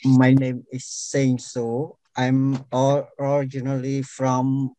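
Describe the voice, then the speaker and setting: Older Cambodian man, slow and mellow. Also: medium pitch, completely flat delivery, rough recording. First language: Khmer. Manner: halting, with frequent pauses and fillers. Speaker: panel speaker. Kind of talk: personal testimony on a webinar.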